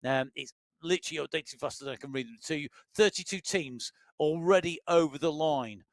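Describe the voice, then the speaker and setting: A man's voice: fairly high pitch, fairly quick, no room sound. Chatty male race commentator, dry sound. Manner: chatty, joking, many fillers. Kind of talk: live esports cycling commentary.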